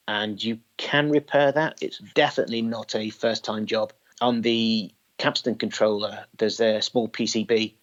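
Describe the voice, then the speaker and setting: On a dull, lo-fi recording, a man whose voice sits on the low side with a slightly bright quality chats as an interview guest. A tape machine collector on a podcast, he explains technical details at length in conversational style.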